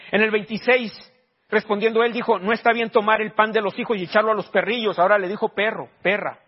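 A man, preaching a sermon and questioning his congregation in emphatic rising bursts. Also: high voice. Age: 40s. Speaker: pastor. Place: church. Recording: dull lo-fi sermon recording.

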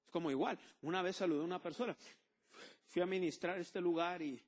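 A male pastor, preaching a sermon with lively call-and-response to the congregation. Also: sits high, a little fast.

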